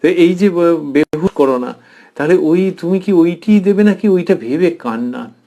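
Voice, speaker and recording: Reflective man, slightly high voice. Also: lively intonation. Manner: reflective and tender, slows to dwell on phrases; thoughtful pauses with soft fillers. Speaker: professor giving a scripture commentary. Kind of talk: devotional lecture commentary.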